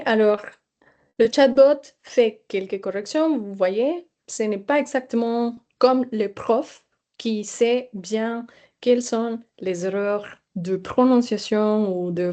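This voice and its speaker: A woman teacher walks listeners through a webinar presentation, explaining hesitantly with fillers and restarts. Her voice is mellow and sits slightly high.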